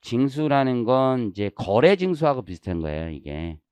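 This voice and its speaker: Man in his forties lecturing on tax law, lively swinging pitch, mellow dry voice, blunt and casual. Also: moderate pace, smooth, no echo. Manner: blunt and animated, slips into casual speech and swearing. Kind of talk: exam-prep lecture.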